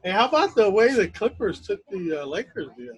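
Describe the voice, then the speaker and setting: A man's voice: high voice, big pitch swings, brisk, husky, poor audio. A man co-hosting a sports talk show, blunt and teasing, swearing freely. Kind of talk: casual sports chat.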